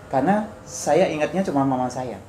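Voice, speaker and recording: A man giving a personal testimony in conversation, telling it earnestly and acting out his own shouts. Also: mid-range voice, a little fast, soft background music. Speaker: guest sharing a testimony. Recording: echoey room with background noise.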